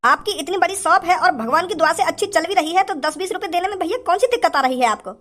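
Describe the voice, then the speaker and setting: A man's voice: extremely high pitch, expressive, quick pace, sharp tone, heavily acted. An actor playing a poor, hungry young male beggar who pleads for a little money in a comedy sketch. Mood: pleading. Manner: begging, pleading.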